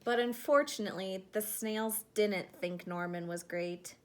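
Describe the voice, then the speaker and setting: In an unhurried, mid-range voice, a woman brings a children's picture book to life with expressive storytelling as she reads it aloud.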